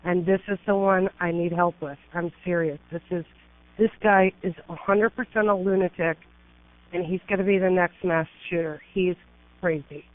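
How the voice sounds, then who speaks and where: This emergency phone call comes from a middle-aged female attorney whose voice sits on the low side, steady in tone and at a normal speed. Pleading and urgent, she piles on emphatic grievances, and the telephone audio is tinny.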